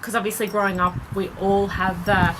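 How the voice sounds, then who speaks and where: A woman's voice: mid-range voice, flat delivery, brisk. A woman hosting a radio interview, friendly and upbeat, with plenty of "um"s. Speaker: radio show host, interviewer. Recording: clear background noise.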